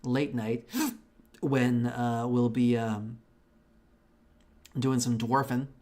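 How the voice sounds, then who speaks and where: This man's voice sits at medium pitch with a level, somewhat dark tone and drawn-out words. He's from Belarus, a native Russian speaker, casually chatting on a game live-stream, profane and rambling with frequent restarts.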